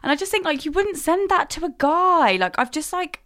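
A woman's voice: very high voice, brisk. A young woman tells a story in a casual podcast chat, acting out what people said and laughing often. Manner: animated, acts out the voices in her stories, laughs often. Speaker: podcast co-host.

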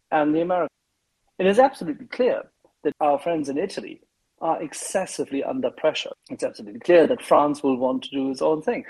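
A man with a slightly high, husky voice argues his case in a live political discussion. He hammers home his points, repeating phrases for emphasis and pushing back hard. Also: poor audio. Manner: forceful, emphatic, repeats "absolutely clear". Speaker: panelist. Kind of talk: impassioned political debate.

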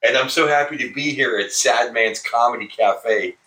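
Bright, animated male comedian in echoey room. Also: mid-range voice, moderate pace. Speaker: comedian guest. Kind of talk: casual chat. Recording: roomy, echoing space with background noise.

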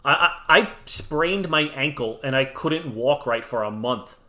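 A man's voice: mid-range voice, a little slow. A man co-hosting a casual sports podcast, arguing his point with jokes, his voice jumping up when he gets worked up. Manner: argumentative, jokey, voice jumps up when excited. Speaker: podcast co-host and blogger.

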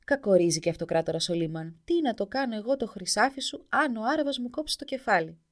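A woman's voice: fairly high pitch, animated, voice pushed up, lightly acted. A woman voicing a mighty male hero who scoffs at offered gold. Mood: scoffing. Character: mocking male hero of great strength.

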